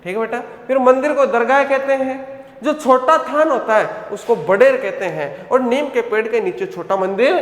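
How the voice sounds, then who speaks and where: High-voiced man teaching in an echoey hall. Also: moderate pace. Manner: drills students with repeated questions and answers; addresses students as "beta". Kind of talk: online coaching class lecture.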